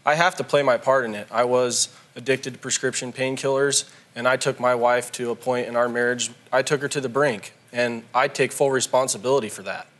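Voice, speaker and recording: A young man, a talk show guest, speaking earnestly and a little haltingly about his family. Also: medium pitch, fairly even intonation, fairly bright tone. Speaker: guest, husband.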